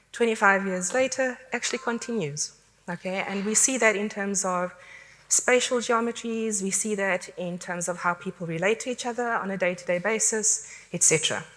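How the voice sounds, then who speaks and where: A woman's voice: medium pitch, moderate pace, fairly bright tone. South african woman giving a chatty conference talk, self-deprecating, hall echo trailing after her. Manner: candid, conversational, self-deprecating. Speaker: conference speaker. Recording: long hall reverb.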